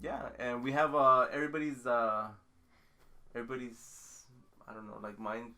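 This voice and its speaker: A man's voice: medium pitch, flat delivery, moderate pace, sharp tone. A man in his twenties hosting a casual podcast chat, rambling with many fillers and frequent laughs while drinking. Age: 20s. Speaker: podcast host.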